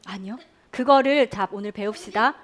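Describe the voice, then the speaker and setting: Speaking at normal speed with a medium-pitched voice, a woman delivers a Sunday school sermon to children in a church classroom. Her manner is lively as she asks them questions and has them echo phrases in call-and-response.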